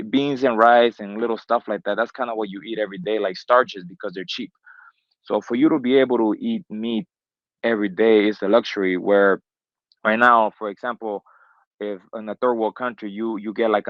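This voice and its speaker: A Honduran man with a lowish voice chats casually on an online crypto call as a community member, rambling along with plenty of fillers and restarts. The call audio sounds dull and lo-fi, with no room sound.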